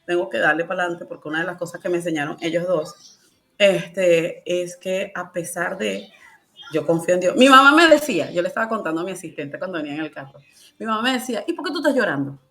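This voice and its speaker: Speaking briskly in a lowish, fairly bright voice, this testimony guest with a Venezuelan Spanish accent tells her faith story. She's colloquial and emotional, laughing frequently.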